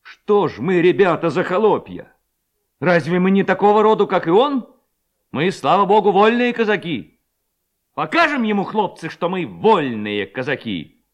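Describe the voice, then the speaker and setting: A man voicing a swaggering young village reveller who rouses his friends, boisterous and loud. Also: mid-range voice, sing-song, unhurried, muffled recording. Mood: rowdy. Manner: boisterous, rabble-rousing.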